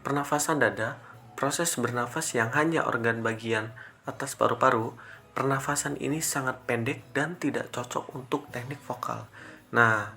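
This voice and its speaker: A young male teacher giving a lesson to children, explaining singing technique step by step and singing short example phrases slowly. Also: medium pitch, gravelly, pushed and bright, faint music behind.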